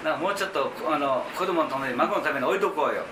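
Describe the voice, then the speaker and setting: Older man, from Ishigaki, emphatic, fairly high voice, fast, echoey, noisy background. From Ishigaki Island, Okinawa. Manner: emphatic, forceful, repeats himself. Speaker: interviewee. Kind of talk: casual interview chat. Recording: roomy echo with background noise.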